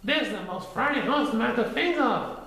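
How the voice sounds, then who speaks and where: A man's voice: extremely high pitch, animated, brisk, creaky, fairly bright tone, pitched above the performer's own voice, full character voice. A man voicing a fussy, fretful rabbit with a dramatic manner for a children's storybook. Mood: annoyed. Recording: very echoey, reverberant room.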